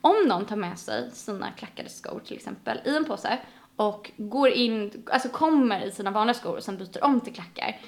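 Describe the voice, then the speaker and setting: In casual conversation, a Swedish woman with a creaky, mid-range voice tells stories animatedly. She acts out the voices of the people she quotes.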